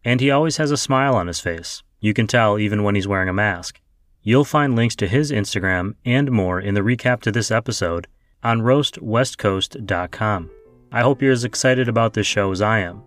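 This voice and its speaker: A man's voice: fairly low pitch, a bit bright. A man hosting a podcast, introducing his guest and asking friendly, upbeat questions. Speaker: podcast host.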